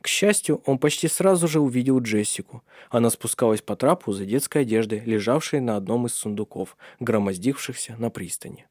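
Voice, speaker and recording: A man narrating an audiobook with expressive reading. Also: medium pitch, brisk, hardly any pauses, no room sound, studio quality.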